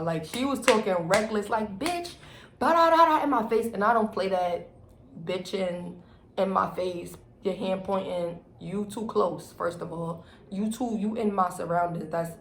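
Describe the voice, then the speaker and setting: Young woman, gravelly, animated storyteller with slang, roomy echo and faint background noise. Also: mid-range voice. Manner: animated storytelling, acts out quotes, heavy slang and swearing. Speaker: vlogger telling a personal story. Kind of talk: casual story time.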